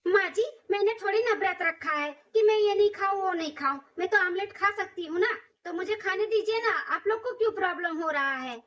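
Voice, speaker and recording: A woman's voice: very high voice, brisk, hardly any pauses, a bit bright. A woman voicing a defiant, modern young daughter-in-law in a cartoon comedy, talking back sharply. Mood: pleading. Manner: sassy, talks back. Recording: distant, dull lo-fi recording.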